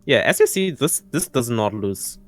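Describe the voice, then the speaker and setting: A man commentates a speedrun race in a loose, halting way, restarting his sentences as he goes. His pitch swings about a lot, and faint music sits in the background. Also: big pitch swings, fairly bright tone. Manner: halting, restarts often, laughs easily. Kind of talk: casual live commentary.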